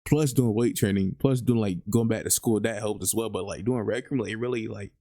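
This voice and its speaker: A twenty-year-old man hosting a podcast, excitable and slangy, often repeating himself. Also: lowish voice, brisk, dry recording, clean studio sound. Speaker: podcast host. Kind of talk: casual podcast chat.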